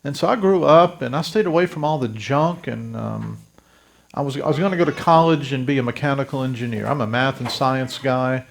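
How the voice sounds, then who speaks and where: Gravelly-voiced pastor in his fifties from Louisiana. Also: medium pitch, brisk. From South Louisiana, USA. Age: 50s. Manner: earnest storytelling, addresses the congregation directly. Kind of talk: testimony sermon.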